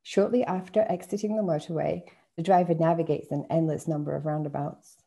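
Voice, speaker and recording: A woman author reading her first-person story aloud, measured and descriptive. Her low voice is dark and mellow, with a gravelly creak. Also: steady tone.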